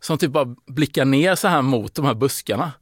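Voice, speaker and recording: A man's voice: mid-range voice, dry recording. A man tells a long anecdote in a casual podcast chat, with many fillers, restarts and bursts of laughter. His voice sounds dry and close. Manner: rambling, hesitant, with fillers and laughing. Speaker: podcast guest. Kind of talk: casual storytelling.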